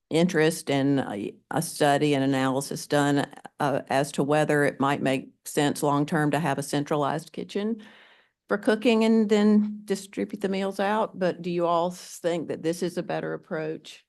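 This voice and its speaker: Elected official questioning staff, mid pitch, halting, stop-start delivery. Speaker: elected board member. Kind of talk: questioning at a public board meeting.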